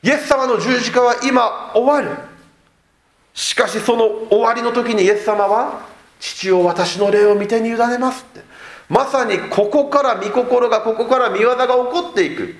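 A man preaching a sermon as a pastor, swinging between loud emphatic lines and soft low asides. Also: moderate pace, roomy sound.

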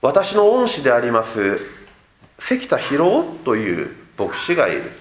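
A man preaching a sermon as a pastor, swinging between loud emphatic lines and soft low asides. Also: wildly swooping pitch, measured pace, reverberant, a little hiss or hum.

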